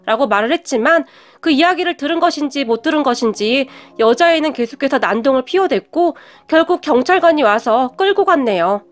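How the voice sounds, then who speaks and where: A middle-aged woman narrating a first-person family story in a calm, confiding way. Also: high voice, brisk.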